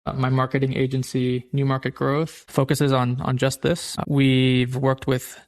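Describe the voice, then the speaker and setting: Gravelly-voiced man hosting a business podcast. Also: mid-range voice, completely flat delivery, normal speed. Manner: conversational, explains with examples and restarts. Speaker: podcast host. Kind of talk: solo business podcast talk.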